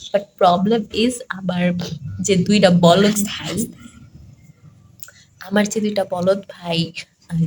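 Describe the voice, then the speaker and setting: Young woman, Bangladeshi Bengali accent, hushed casual vlog host at home, faint background hiss. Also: medium pitch. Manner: speaks softly, mixing Bengali and English. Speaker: vlogger host. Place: home room at night.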